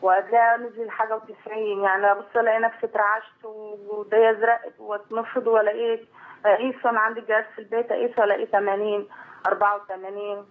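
A woman's voice: mid-range voice, flat delivery, rapid-fire. A woman in her forties with an Egyptian accent, calling in by phone, rambling and repeating herself with worry. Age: 40s. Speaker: caller. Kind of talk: call-in phone conversation. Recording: tinny phone line.

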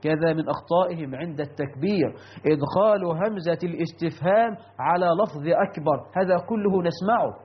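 Man, high voice, instructive preacher, muffled lo-fi audio. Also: fairly quick. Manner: instructive, rhetorical questions, mimics errors. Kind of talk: religious lesson.

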